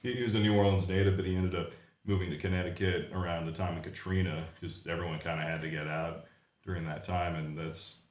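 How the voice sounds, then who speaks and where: A musician in his thirties, from the United States, telling his story in a relaxed, casual interview. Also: low voice, fast talker. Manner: relaxed storytelling with light laughs. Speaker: musician guest. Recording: distant mic, echoey dull room.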